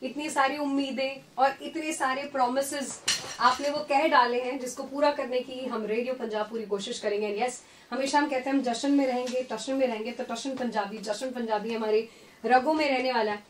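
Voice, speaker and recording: A bubbly woman radio host with a high, bright voice keeps a live launch event moving. She gushes with thanks to her guests and slips easily between Hindi and English. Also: fairly even intonation, moderate pace, slight background noise. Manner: bubbly, effusive, code-switching Hindi and English.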